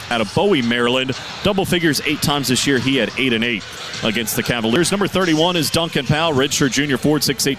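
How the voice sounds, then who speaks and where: A radio play-by-play man calls a basketball game from his arena broadcast spot, reading out lineups and stats for the pregame show. His voice sits at medium pitch, with background noise behind him.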